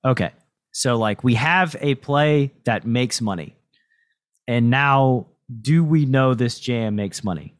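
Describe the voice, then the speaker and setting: A man's voice: mid-range voice, lively intonation, slow pace, dry recording. A man hosting a podcast in a casual, explanatory, lightly teasing way, close on a podcast mic. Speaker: podcast host and poker coach.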